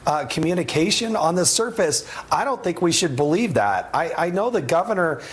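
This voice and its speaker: A middle-aged man, a former congressman, speaking as a TV guest with a raspy voice, often stumbling and repeating words as he starts sentences. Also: a little high, very animated, moderate pace. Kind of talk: TV interview.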